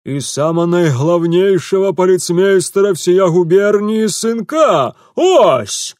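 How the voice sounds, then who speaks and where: A man voicing a burly, bearded Cossack sergeant-major with a Ukrainian accent, booming and commanding. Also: lively intonation, takes it slowly, darkish tone, dry recording, studio quality.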